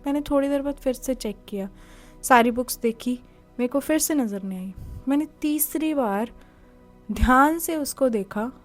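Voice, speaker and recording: Woman, high voice, motivational speaker, chatty, poses questions to the listener, soft music underneath. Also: normal speed. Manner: conversational, asks the listener rhetorical questions; gives calm step-by-step guidance. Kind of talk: motivational talk.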